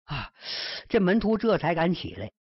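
A woman's voice: fairly low pitch, moderate pace, breathy edge, no echo, muffled recording. A woman telling a story in traditional storyteller style, with chatty asides to the listener. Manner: lively, chatty asides to the listener with rhymed verse closings.

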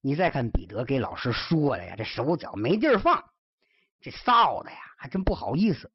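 A woman's voice: very deep voice, moderate pace, husky, no room sound, lo-fi sound. A woman telling a story in traditional storyteller style, with chatty asides to the listener. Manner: lively, chatty asides to the listener with rhymed verse closings.

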